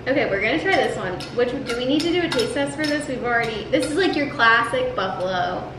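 A young woman with a slightly high voice chats through a recipe in a bubbly, casual way. She sounds a few steps back from the camera in an echoey home kitchen. A steady hiss runs under her words. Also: fast. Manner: bubbly, leans on "like" as filler. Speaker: cooking vlog co-host. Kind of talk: casual chat while cooking. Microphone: far camera. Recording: roomy kitchen from a distance, steady background hiss.

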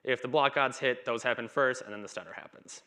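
Brisk, pushed and bright, the mid-range voice belongs to a man in his thirties presenting at a conference. Standing on a dark stage in the hall, he keeps things chatty and casual while stuttering, repeating words and getting blocked.

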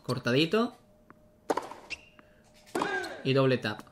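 A man giving excitable, casual commentary on his own gameplay, talking to himself as he plays. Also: medium pitch, slow, very noisy. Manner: excitable, talks to himself while playing. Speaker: gaming YouTuber.

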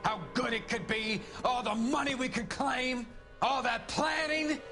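A high-voiced, bitter American gunman. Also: steady tone, measured pace, music in the background. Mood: bitter, accusing. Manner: sarcastic, accusing. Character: bitter, betrayed, menacing gunman in 1940s crime game.

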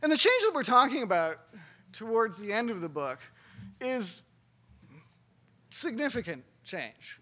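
A man giving a keynote talk at a conference gathering, telling a story earnestly and pausing for emphasis. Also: high voice, big pitch swings, bright, forceful tone. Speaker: keynote speaker.

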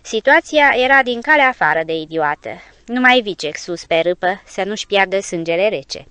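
A woman reads an adventure novel aloud in a measured, expressive storytelling voice. Her tone is smooth and resonant, set in a dry, close recording with no room sound. Her pitch sits in the middle range for a woman. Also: no echo. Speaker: audiobook narrator. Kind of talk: scripted audiobook narration.

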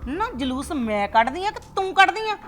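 A woman's voice: sits high, very animated, moderate pace. An actress playing a domineering older grandmother who scolds and mocks her family, in a short drama film. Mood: scolding. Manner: scolding, sharp-tongued, sarcastic.

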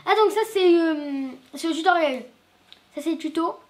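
A woman's voice: extremely high pitch, normal speed, a little mellow. A woman gaming YouTuber giving casual let's-play commentary, chatty and loose, with plenty of fillers and restarts.

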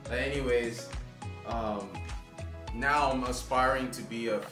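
A young man raised in Los Angeles, chatting casually in a vlog with a relaxed, rambling manner full of fillers. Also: mid-range voice, unhurried. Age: young adult. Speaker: vlogger, aspiring fitness coach. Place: living room indoors. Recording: roomy and distant with music.

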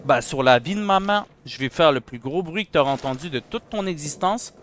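Excitable Quebec French gamer guy. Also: fairly high pitch, brisk. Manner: excitable, shouts and jokes at the monster. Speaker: let's play gamer. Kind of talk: horror game commentary.

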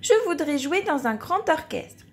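A woman voicing a small, eager young trumpet in a storybook, high and pleading. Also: expressive, unhurried.

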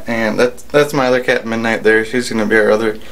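A man in his twenties speaking casually to camera in a halting, hesitant way, explaining a challenge as a vlogger. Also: lowish voice, steady tone, fairly bright tone. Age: 20s. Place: small home bathroom at night. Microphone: handheld camera at arm's length. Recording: noisy small-room camera audio.

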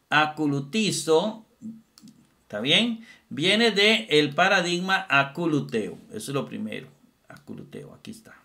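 A man walks through Greek word forms in a screen-recorded lesson. His voice is bright and sits a little high. He thinks aloud, repeats terms and checks in with "¿verdad?". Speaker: Bible grammar teacher.

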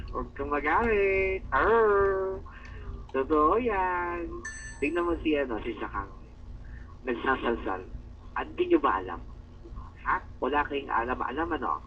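A man from the Philippines with a fairly high voice teases his coworkers in mocking banter, laughing often and growling "arr" again and again to taunt them. It's an indoor room, and the recording is distant, dull and lo-fi, with a little hiss or hum.

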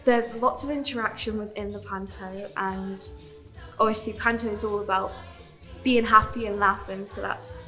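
A woman's voice: mid-range voice, steady tone, normal speed, a bit bright, poor audio. A young woman, a student performer talking casually in an interview. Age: young adult. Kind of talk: on-camera interview. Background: music.

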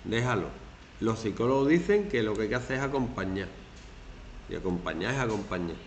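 A man from Spain teaching a classroom lesson, animated and acting out quoted phrases in mocking voices. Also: on the low side, brisk, reverberant, a little hiss or hum.

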